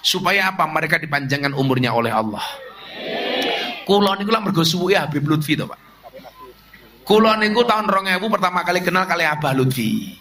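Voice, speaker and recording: A man's voice: fairly high pitch, fairly quick, long pauses, background noise. A middle-aged man with a Javanese accent preaching a sermon to a crowd, mixing humour and jokes with his lessons. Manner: humorous, animated preaching with jokes and Javanese asides.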